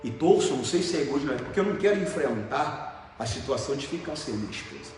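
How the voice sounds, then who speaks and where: A man's voice: medium pitch, big pitch swings, fast talker, darkish tone, soft background music. A middle-aged Brazilian man preaching a sermon as pastor, talking in an emphatic, conversational way and putting questions to the congregation. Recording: very echoey hall, faint noise.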